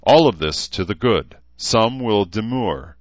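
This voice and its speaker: A man voicing a menacing male warlord who speaks calmly and persuasively, in a slightly muffled recording. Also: fairly low pitch, measured pace, no echo, voice pushed up. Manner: calm, persuasive, commanding. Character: menacing male warlord, self-assured and cold. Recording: slightly muffled dry audio.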